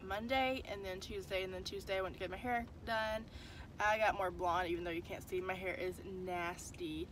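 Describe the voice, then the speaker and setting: Sitting in a parked car with her phone camera at arm's length, a young family vlogger chats casually, congested from a cold, tired and rambling. Her voice is medium-pitched and a bit bright, and the low-quality recording carries a little hiss or hum.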